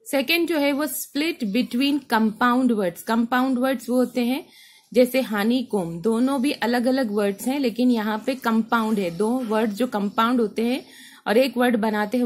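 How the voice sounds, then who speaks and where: Woman teaching phonics, spelling out letters. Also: fairly high pitch. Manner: spells words out letter by letter, asks "ठीक है?"; mixes English terms into Hindi. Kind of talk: phonics lesson for parents.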